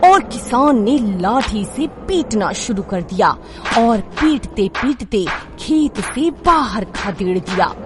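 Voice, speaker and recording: Female narrator for a kids' moral tale, slow and expressive, slightly higher voice. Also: over music. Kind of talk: scripted story narration.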